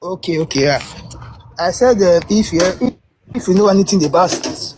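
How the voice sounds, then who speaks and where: A man asking a question over a choppy online call that keeps breaking up, with a noisy background; he speaks haltingly and keeps checking he can be heard. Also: high-pitched, animated. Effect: choppy call audio breaking up, noisy background. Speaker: audience member asking a question. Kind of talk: online group discussion.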